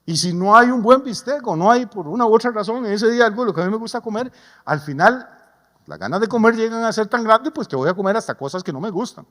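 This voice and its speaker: A man preaches a sermon with a high voice, mixing folksy humor and homely stories into his teaching. His voice carries a long reverb from a church sanctuary. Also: expressive, fast talker, fairly bright tone. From Costa Rica. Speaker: pastor.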